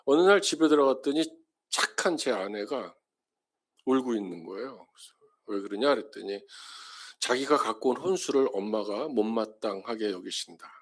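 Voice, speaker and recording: A man's voice: medium pitch, lively intonation, moderate pace. A middle-aged man preaching a sermon as pastor, telling family stories and acting out the quoted dialogue. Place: church sanctuary.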